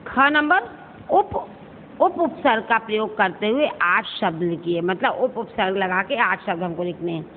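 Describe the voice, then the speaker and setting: A woman's voice: mid-range voice, expressive, moderate pace. A woman, a Hindi school teacher, works through a worksheet for her students, explaining each answer step by step and often asking whether they understand. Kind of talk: recorded online lesson going through a worksheet. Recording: echoey, tinny phone-like recording with faint hiss.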